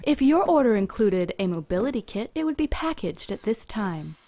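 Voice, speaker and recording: Woman doing a scripted how-to voiceover, steady and measured, step by step. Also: medium pitch, dry recording. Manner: even, measured, step-by-step delivery. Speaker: company video narrator. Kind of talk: scripted instructional voice-over.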